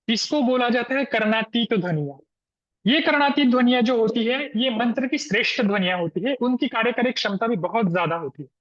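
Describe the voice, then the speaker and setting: A man with a very high-pitched voice lectures to students over a video call, pausing often to demonstrate his examples. The audio comes through slightly muffled and dull, as a web meeting does. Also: fairly bright tone. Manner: explanatory, with pauses and demonstrative examples. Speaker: guest lecturer. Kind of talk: online lecture with slides. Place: room in Gujarat.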